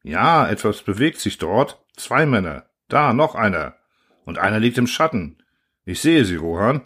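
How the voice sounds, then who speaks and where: A man's voice: fairly low pitch, very animated, a little slow, a bit bright, husky, exaggerated voice. A man voicing a shaken male expedition officer reporting over the radio, breathless and agitated.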